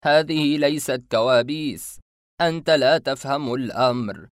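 A cornered masked stranger, voiced by a male narrator, pleads in a slow, trembling voice, stretching every word. His pitch sits a little higher than usual and he pushes hard on each phrase. The recording is close and dry, with no room around him. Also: no room sound, lightly acted. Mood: fearful, insistent. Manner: slow, insistent, shaky.

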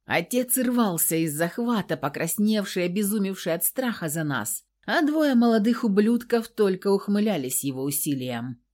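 A woman's voice: medium pitch, lively intonation, normal speed, few pauses, darkish tone. A woman reading a first-person audiobook in a tense, intimate manner. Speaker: audiobook narrator.

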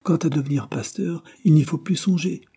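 For an audiobook character reading, a male narrator plays a sulky, restless young student who petulantly pleads and sulks. His voice is a little high and pushed up, gravelly, warm, and slightly rough, at normal speed.

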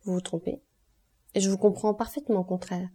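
A woman's voice: medium pitch, fairly even intonation, fairly quick, warm tone, husky, lightly acted. A woman voicing a passionate young man in an audiobook, speaking earnestly and urgently. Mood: ardent. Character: young man, ardent, passionate, desperate lover. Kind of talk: audiobook character reading.

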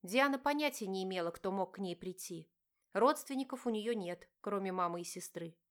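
A woman narrating an audiobook with an even, measured reading. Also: medium pitch. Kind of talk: scripted narration.

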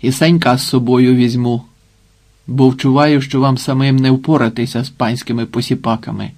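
A man's voice: medium pitch, steady tone, moderate pace, a little mellow, lightly acted. A man reading the part of a resolute old male village sorcerer in an audiobook, speaking firmly. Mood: commanding. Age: older.

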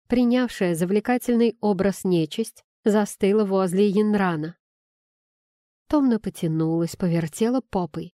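A woman reading a first-person fantasy audiobook in an expressive storytelling manner. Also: medium pitch, measured pace, dry recording, clean studio sound. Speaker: audiobook narrator.

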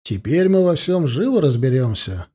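A calm, ironic police investigator in an audiobook, voiced by a male reader, coaxing a suspect with lively, rising and falling intonation. his voice is mellow and a touch husky, with a gravelly edge. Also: medium pitch, normal speed.

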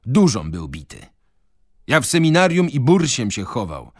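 A man's voice: medium pitch, sing-song, normal speed, dry recording, clean studio sound. A man reading a novel on the radio, voicing a garrulous old male official who moralizes about beating children. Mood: moralizing.

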